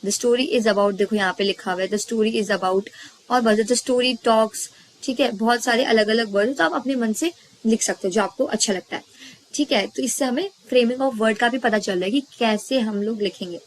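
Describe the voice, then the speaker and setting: A woman teacher with a fairly high voice talks through a story in a relaxed lesson. She is chatty and keeps asking her listeners questions, then answers them herself. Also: normal speed, low-quality recording. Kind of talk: casual lesson retelling a story.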